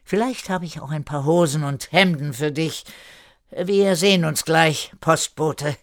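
A man putting on a brisk, bossy village woman. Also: a little high, no room sound, studio quality, voice pushed up. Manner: scolding, probing questions.

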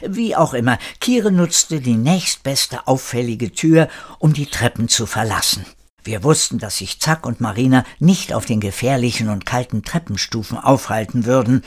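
Man narrating a storybook calmly. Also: mid-range voice, moderate pace, slightly rough. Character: old parrot narrator recalling the past. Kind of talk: storybook reading.

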